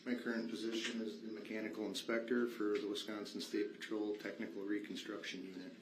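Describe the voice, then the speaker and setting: A man's voice: fairly low pitch, little pitch movement, a little fast. A man giving formal testimony as a witness, explaining his work in a matter-of-fact way. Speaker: witness, state patrol vehicle inspector. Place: courtroom. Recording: echoey courtroom, faint noise.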